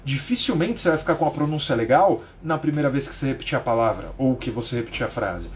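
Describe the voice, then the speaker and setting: A man's voice: medium pitch, expressive, fast, slight background noise. Chatty Brazilian-raised man teaching live. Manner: chatty, explains with rhetorical questions and frequent "né?". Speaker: English teacher. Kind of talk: live-streamed lesson. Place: at home.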